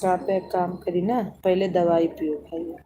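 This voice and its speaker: A woman's voice: on the low side, little pitch movement, normal speed, warm tone, a little hiss or hum. A woman with an Awadhi accent on a casual live stream, coaxing and soothing a sick child.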